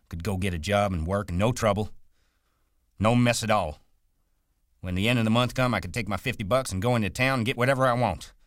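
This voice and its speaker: A man with a deep voice voicing an irritable, hot-tempered migrant worker who scolds in quick, exasperated bursts. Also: no echo, studio quality, lightly acted.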